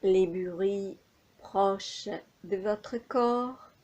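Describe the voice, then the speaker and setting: A woman with a medium-pitched voice acts as the instructor for a guided yoga nidra relaxation. She offers soothing, calm, measured instructions, leaving long pauses throughout.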